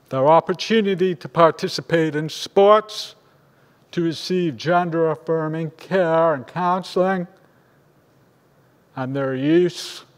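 An older man, a rabbi, giving a measured, grave sermon at a lectern microphone in a large synagogue sanctuary. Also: fairly high pitch. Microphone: lectern microphone on a stand. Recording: long reverb of a large hall.

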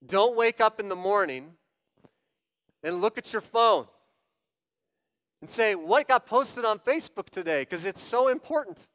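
A male pastor preaching a sermon, emphatic, swinging between quiet asides and loud, pleading declarations. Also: sits high, expressive, a little slow, long pauses. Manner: emphatic, acting out quoted voices. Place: church sanctuary.

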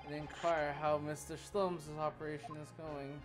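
A woman voicing a polite, hesitant young male lawyer from a game, in a measured manner. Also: sits low, little pitch movement, over music, natural voice. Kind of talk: amateur voiced read-through of a game.

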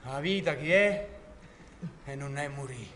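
A stage actor with a Neapolitan accent playing a volatile, scornful man in a live theatre performance, swinging between loud taunting shouts and hushed menace. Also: medium pitch, a little slow, a little hiss or hum, natural voice. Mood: brooding.

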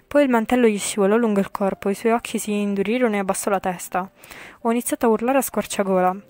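Reading a visual novel aloud for viewers, a woman speaks fast in a mid-range, steady, darkish voice on a dry recording. She often slips and corrects herself, adding chatty asides laced with English swearing.

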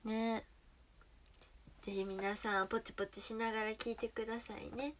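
A woman's voice: fairly high pitch, level tone, moderate pace, slight background noise. A young woman with a Kansai accent chatting casually with viewers on a livestream, playful and direct. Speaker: idol livestreamer.

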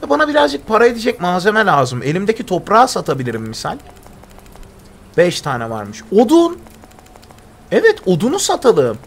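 A man's voice: sits high, wildly swooping pitch, moderate pace, pauses often, slight background noise. A young man giving live commentary over a survival game, chatting with himself and thanking viewers in chat. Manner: chatty, talks to himself and reads chat aloud. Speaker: gaming streamer.

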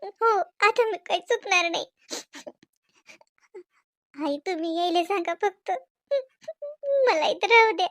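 A woman's voice: very high-pitched, slow pace, pauses often, a bit bright, no room sound, clean studio sound, heavily acted. A woman voicing a remorseful young married woman who pleads and apologizes, with a Varhadi Marathi accent, in a cartoon. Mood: pleading. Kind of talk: cartoon voice acting.

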